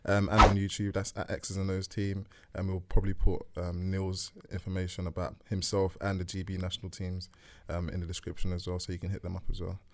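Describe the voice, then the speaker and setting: A man's voice: low voice, completely flat delivery, a little fast, few pauses, a little mellow, a little hiss or hum. A man hosting a podcast in casual chat, laid-back and full of "like" and "man". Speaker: podcast host.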